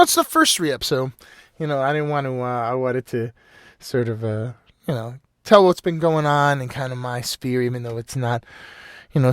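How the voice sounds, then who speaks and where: A man's voice: medium pitch, dry recording, studio quality. A man hosting a casual solo podcast, rambling loosely with lots of "you know" and frequent laughs. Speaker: podcast host.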